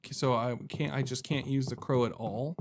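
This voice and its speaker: This man's voice sits at a medium pitch and holds a steady tone, running a little fast. He's a video game streamer offering casual let's-play commentary, musing aloud, wandering off on tangents, and joking at his own expense over game music.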